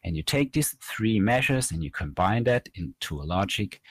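A man in his thirties, a researcher giving a conference talk, walks through a technical slide lecture step by step on a headset mic. His voice is fairly low and slightly rough, very animated at a normal speed. The dry recording was made over webcam in an indoor room.

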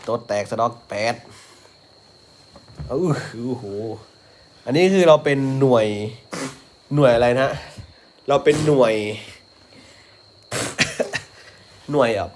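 A man's voice: medium pitch, takes it slowly, pauses often, slight background noise. A young adult father, casually reading a picture book to his kids on a live stream and joking about his own mistakes. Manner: animated, jokey, laughs at his own misreadings.

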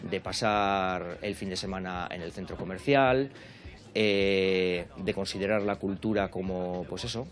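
A man in an interview who speaks hesitantly and often restarts his sentences. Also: low voice. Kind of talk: interview talk.

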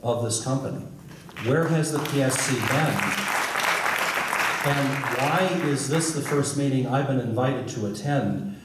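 A man's voice: medium pitch, a little slow, a loud crowd. Man firing questions in an echoey hall. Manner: pointed rhetorical questions. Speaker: public hearing speaker. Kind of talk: public comment at a hearing. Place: large hall with wooden stage. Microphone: podium mic on a stand. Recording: echoey hall from far off, noisy.

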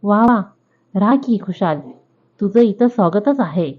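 A woman's voice: mid-range voice, expressive, a little slow. A woman voicing a kindly old mountain grandfather. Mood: welcoming. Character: kindly old male mountain, welcoming and gentle. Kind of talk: children's story reading. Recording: tinny phone-like audio.

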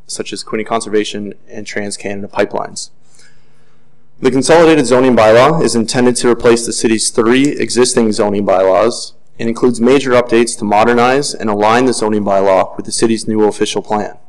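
A man from the city planning staff, speaking in a lowish voice, delivers a formal report in measured fashion, with a filler now and then, into a desk mic in a council chamber. The recording is rough.

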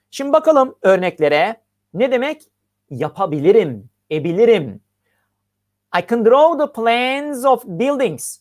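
Lively-voiced teacher explaining grammar. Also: mid-range voice. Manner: reads English examples slowly, then translates each into Turkish; explains step by step, asking the class questions. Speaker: English teacher. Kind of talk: online grammar lesson over slides.

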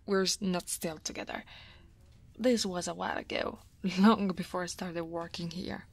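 With a fairly low voice, a woman from Italy plays a tired, easily flustered dragon who is a senior at the office in an ASMR roleplay. She talks softly and breathily in a hesitant way, frequently at a half-whisper.

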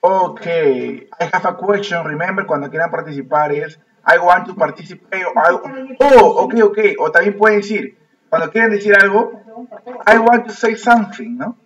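Male English teacher, patient and repetitive, slightly high voice, muffled distant sound. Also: moderate pace, fairly bright tone. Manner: repetitive, coaxing, laughs often. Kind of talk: online class teaching, mixing Spanish and English. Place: online video class.

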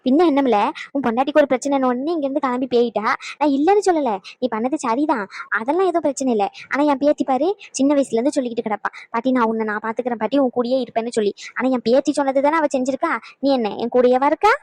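A woman voicing a sharp-tongued elderly village grandmother in a cartoon, scolding in a quick, fiery way. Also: high-pitched, dry recording. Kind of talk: cartoon voice acting.

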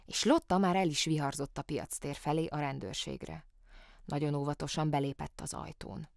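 A woman, an actress, narrating a children's storybook in an expressive, animated way in a studio. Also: low voice, creaky, no room sound. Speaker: audiobook reader, stage actress. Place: theatre sound studio. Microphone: studio microphone.

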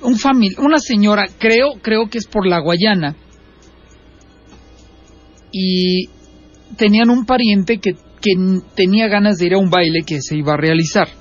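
A man's voice: high voice, a little slow, long pauses, faint music behind. A man hosting a late-night horror radio show, recounting stories in a conversational, hesitant way. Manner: conversational, hesitant, with many fillers. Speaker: radio host. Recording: lo-fi radio broadcast with faint noise.

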